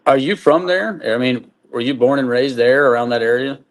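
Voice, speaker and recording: A man co-hosting a casual podcast interview who reacts with enthusiastic, quick exclamations. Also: mid-range voice. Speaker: podcast co-host.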